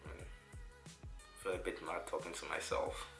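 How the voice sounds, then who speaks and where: A young adult vlogger rambles casually in a deep voice, stuffed up with a cold and sounding like they are pinching their nose. The tone is gravelly with fry. It is recorded in an echoey room. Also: wildly swooping pitch, unhurried. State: bad head cold. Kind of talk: casual solo vlog chat. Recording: roomy echo with music behind.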